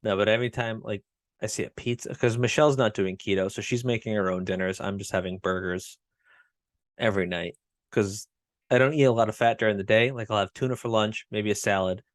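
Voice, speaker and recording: A man's voice: fairly low pitch, steady tone, brisk, no echo, clean studio sound. Blunt, self-mocking podcast man. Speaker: podcast co-host. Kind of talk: casual chat.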